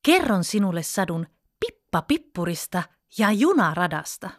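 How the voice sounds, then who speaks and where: A woman telling a children's fairy tale in an expressive, storybook way. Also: fairly low pitch, dry recording, clean studio sound. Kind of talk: children's bedtime story reading.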